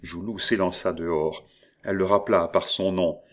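A man narrating a novel in a steady, measured reading voice. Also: deep voice. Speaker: audiobook narrator.

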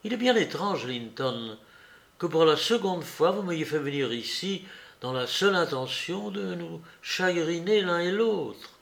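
A proud, hot-tempered young woman in an audiobook, put on by a male reader. She scolds in a sharp, raised voice, pushed up higher than a man's usual tone. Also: expressive, unhurried, creaky, heavily acted. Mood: reproachful. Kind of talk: audiobook character reading.

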